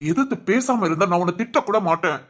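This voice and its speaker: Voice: mid-range voice, expressive, quick pace, lightly acted. A voice actor playing a stern young husband in a cartoon who sides with his mother, lecturing and commanding, with Tamil village speech. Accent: Tamil Nadu village speech.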